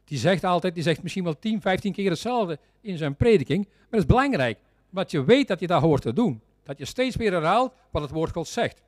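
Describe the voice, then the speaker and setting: A Flemish man preaching with fervor, hammering the same phrases again and again. His fairly high voice leaps up and down as he alternates loud outbursts with hushed, intense passages. The recording is dry and close, with no room sound. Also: animated, a little fast, no room sound. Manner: fervent, repetitive, swings from loud exclamations to quiet intensity. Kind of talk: sermon.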